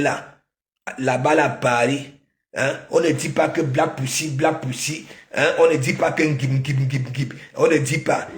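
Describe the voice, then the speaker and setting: A man's voice: mid-range voice, echoey room. A man giving scolding gossip commentary to his viewers, repeating himself and throwing in constant rhetorical "hein?" questions. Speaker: online commentator.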